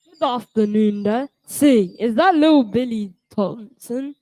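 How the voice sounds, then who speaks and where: A woman playing a lonely elderly male inventor, speaking slowly and kindly in a school puppet play. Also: fairly high pitch, dark tone, no echo, natural voice, poor audio. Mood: gentle. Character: lonely old male inventor, gentle and kind.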